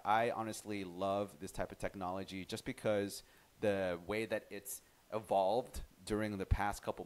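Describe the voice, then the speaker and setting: A man hosting a casual software tutorial, chatty and relaxed, often restarting his sentences. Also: fairly low pitch. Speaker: tutorial host.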